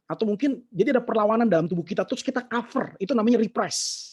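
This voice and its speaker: A man, giving an animated, casual talk and answering questions in an online session. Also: sits high, quick pace, breathy edge. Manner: animated storytelling, mixes in English words. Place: online session over a shaky connection.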